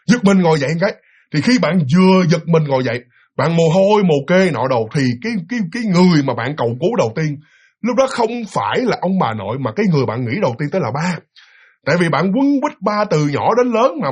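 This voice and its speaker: Young male storyteller, high and husky, quick and very lively, slips into character voices. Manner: lively, acts out voices of father and child. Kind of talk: animated ghost-story telling.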